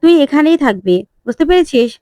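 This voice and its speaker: Kind but firm mom type, read by a woman, bit high voice, dry sound. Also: very animated, brisk, mellow, no room sound. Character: kindly firm middle-aged mother.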